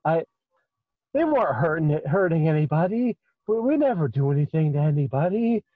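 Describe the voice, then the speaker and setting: A man's voice: on the high side, very animated, moderate pace, no echo, phone-quality sound, pitched above the performer's own voice. A man voicing a distraught, innocent satyr in a tabletop game, stammering and pleading. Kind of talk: tabletop game role-play.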